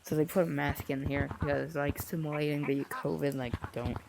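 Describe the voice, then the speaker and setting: A young creator chats loosely through a virtual world, stumbling over restarts and leaning on fillers. The voice has a gravelly, fry-laden edge at a middling pitch. It comes through a headset mic, with loud noise running underneath. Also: flat delivery, normal speed. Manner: rambling, with many fillers and restarts. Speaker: VR gaming video creator. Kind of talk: casual game tour commentary. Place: at home, sitting on the floor.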